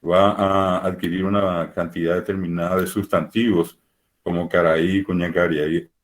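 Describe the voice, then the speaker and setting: A man's voice: low voice, little pitch movement, a little slow. A man teaching a lesson, explaining patiently and steadily with many repeated examples over what sounds like a video call. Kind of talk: lecture.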